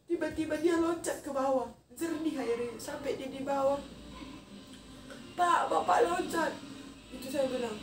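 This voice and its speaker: A woman in her thirties telling a personal story in a halting, emotional way. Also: high-pitched. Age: 30s. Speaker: vlogger. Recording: echoey distant mic with noisy ambience.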